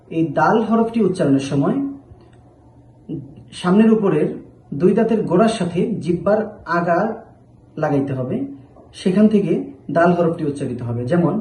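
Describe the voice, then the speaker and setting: A man's voice: on the high side, warm tone, echoey room, poor audio. A man giving a patient pronunciation lesson, drawing out each letter sound as he demonstrates it. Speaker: Arabic letter teacher.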